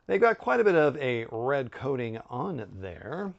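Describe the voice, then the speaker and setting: A middle-aged man giving a casual product review to camera, conversational, with musing pauses and asides. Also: medium pitch, sing-song, vocal fry, dull audio, slight background noise. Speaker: snack review video host. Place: indoor room with bookshelves.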